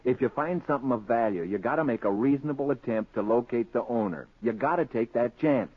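Actor as excitable, scheming husband, tinny old radio. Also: male voice, mid-range voice, a little fast, husky, close to an everyday voice. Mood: insistent, self-justifying. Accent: American. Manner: blustering, stammering when nervous. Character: excitable working-class husband, grabby, scheming but easily scared. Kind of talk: old-time radio drama acting.

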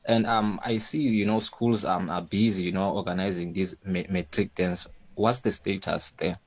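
A man's voice: low-pitched, steady tone, normal speed, dry recording. A man, speaking hesitantly in a voice note played on a radio show, with many ums and repeated words. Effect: voice note played on air. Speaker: radio listener. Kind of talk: casual spoken message.

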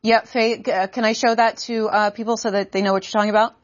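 A woman hosting a call-in radio show, introducing callers in a smooth, even radio manner. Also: mid-range voice, fast talker, lo-fi sound.

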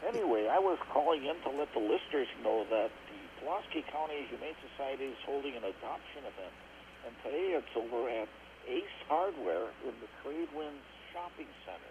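A man's voice: medium pitch, expressive, brisk. Faint man on a phone held away. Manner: hesitant, many fillers. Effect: phone held away from the mouth, faint and distant. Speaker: caller. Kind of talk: casual call-in. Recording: tinny phone line with faint noise.

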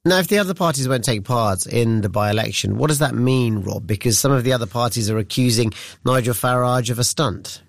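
A man presenting live news, reading brisk scripted links and questioning a correspondent. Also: mid-range voice, creaky, dry recording.

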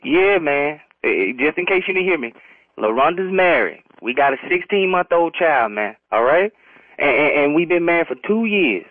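A man argues over a thin, tinny phone line. His voice is high and dry, and he speaks confrontationally in casual street slang. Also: big pitch swings, normal speed, dry recording. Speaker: prank call recipient. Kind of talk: heated phone conversation. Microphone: telephone.

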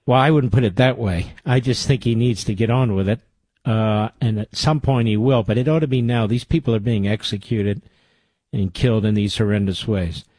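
A man's voice: lowish voice, normal speed, dry recording. An older man hosting a call-in talk radio show, speaking emphatically and taking callers. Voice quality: emphatic, forceful delivery.

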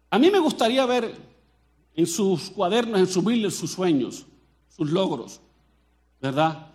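A Colombian man with a high voice and a Colombian accent preaches as pastor. His delivery is animated and full of jokes, and he addresses the congregation directly.

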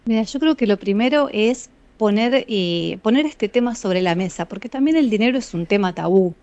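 An Argentine woman psychologist answering interview questions in a measured, explanatory way, often speaking straight to the listeners. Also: medium pitch, animated, a little mellow, no echo, highs cut off. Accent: Argentine Spanish. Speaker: psychologist and author, guest.

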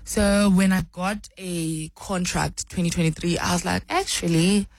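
Young woman with a low voice, hesitant. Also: steady tone, unhurried, no room sound, rough recording. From South Africa. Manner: hesitant, many ums and restarts. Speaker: rugby player. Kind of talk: interview answers.

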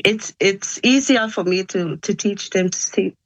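A woman's voice: mid-range voice, measured pace, no echo, muffled recording. A woman from Tonga with a Tongan accent, a musician guest speaking in a casual interview, earnest and hesitant with many filler sounds.

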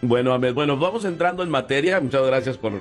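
A man's voice: medium pitch, fast talker, faint music behind. A man hosting a talk show, chatting with a guest and asking friendly questions. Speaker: radio host.

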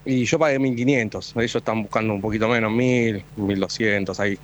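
A man from Banfield with a Rioplatense Argentine accent, a football fan answering briskly and offhandedly. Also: on the low side, steady tone, slight background noise.

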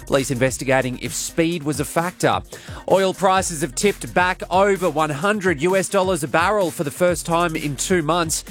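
A man's voice: a little high, fairly bright tone. An Australian man reading a scripted breakfast radio news bulletin as newsreader. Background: music bed.

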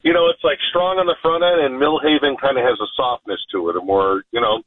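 A man's voice: mid-range voice, fast, no echo. Stammering man on a tinny AM phone line. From Chicago area, United States. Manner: emphatic, stammers and repeats words. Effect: narrow phone line heard on AM radio. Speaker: radio call-in caller. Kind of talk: call-in talk radio.

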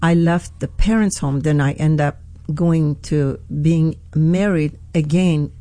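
Older Iranian-accented woman, earnest and halting. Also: sits low, dark tone, no room sound. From Iran. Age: 60s. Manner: hesitant, many fillers and restarts, earnest. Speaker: pastor, guest. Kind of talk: personal testimony in an interview.

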